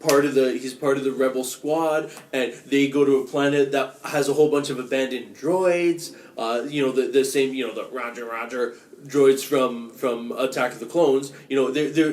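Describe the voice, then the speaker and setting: Male co-host, mid-pitched voice, eager explainer in a casual chat, room echo on the recording. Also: darkish tone, a little hiss or hum. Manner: eager, explains background at length. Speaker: podcast co-host. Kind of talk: casual film discussion.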